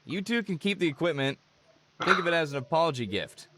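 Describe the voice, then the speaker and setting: An actor voicing a good-natured, easygoing young man who speaks in a relaxed, friendly way. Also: a little high, fast talker. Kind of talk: game voice acting.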